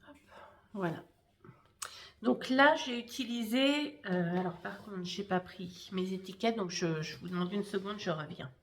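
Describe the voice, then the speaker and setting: A woman hosts a casual knitting video chat at home. She speaks slowly and hesitantly, filling gaps with fillers and restarting her sentences. Her pitch sits in a middle range. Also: a little hiss or hum. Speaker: knitting podcaster. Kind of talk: casual show-and-tell chat.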